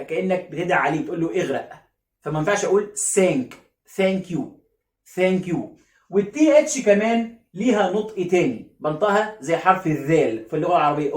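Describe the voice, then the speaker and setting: A man with an Egyptian Arabic accent teaching a phonics lesson, stretching out and repeating each sound slowly, and asking questions that he answers himself. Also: fairly high pitch, reverberant.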